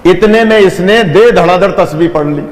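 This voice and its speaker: Man preaching to a gathering, telling a story with acted dialogue, slightly high voice, echoing hall. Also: heavy background noise. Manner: dramatic retelling with quoted dialogue, blessing the audience.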